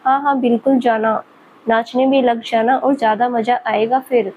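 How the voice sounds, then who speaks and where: Woman voicing a young male professor, teasing, mischievous, light higher voice, storybook reading. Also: steady tone, moderate pace, a little mellow, slight background noise, close to an everyday voice, poor audio. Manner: teasing, laughing at her.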